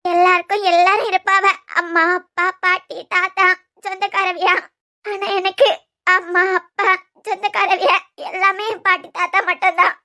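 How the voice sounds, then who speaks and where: A woman's voice: very high voice, bright, forceful tone. A woman voicing a heartbroken young woman raised by her grandparents, pleading in a Kanyakumari Tamil accent, in a cartoon serial. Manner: tearful, pleading.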